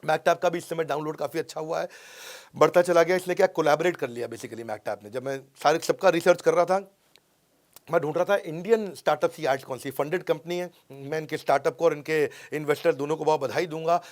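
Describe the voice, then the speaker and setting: Man, Indian accent, middle-aged, high-ish voice, emphatic motivational teacher, rhetorical check-ins. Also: fast. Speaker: business coach and YouTube host.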